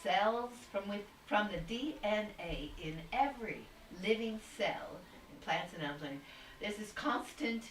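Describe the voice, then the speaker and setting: A woman guest with a medium-pitched voice and lively intonation speaks a little slowly and with hardly any pauses, rambling at length on a video call. Her casual conversation is spiritual and searching, with frequent restarts, recorded on a distant, roomy mic with faint noise.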